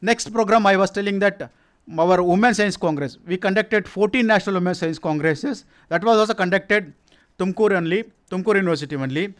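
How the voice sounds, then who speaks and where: A man speaking English with a Kannada Indian accent, giving an informal presentation in a halting, self-correcting, repetitive way. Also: high voice, fairly bright tone. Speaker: science organisation representative presenting its activities.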